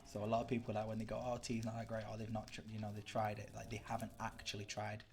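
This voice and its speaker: Young British streamer, low-pitched, rambling casual chat with viewers. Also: male voice, monotone, fast talker, darkish tone, a little hiss or hum. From Britain. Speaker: livestreamer. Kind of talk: casual chat while gaming live.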